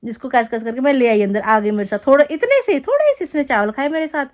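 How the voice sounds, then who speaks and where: Chatty high-voiced woman vlogger. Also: quick pace. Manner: chatty, animated retelling with acted-out quotes and laughter. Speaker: family vlogger. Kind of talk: casual storytelling to camera.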